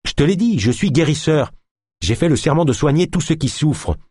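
A man's voice: a little high, expressive, brisk, darkish tone, slightly rough, no room sound, studio quality, pitched above the performer's own voice. A man voicing an earnest, determined captive healer who speaks persuasively.

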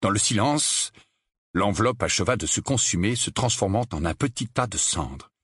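A man reading a novel aloud as audiobook narrator, steady storytelling delivery. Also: lowish voice, normal speed, husky, dry recording, clean studio sound. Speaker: audiobook reader.

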